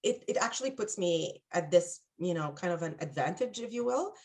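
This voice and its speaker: A woman's voice: fairly low pitch, lively intonation, a little fast, darkish tone. A middle-aged woman from Egypt, answering interview questions in a thoughtful, hesitant way, with many fillers and restarts. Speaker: guest. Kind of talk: conversational interview.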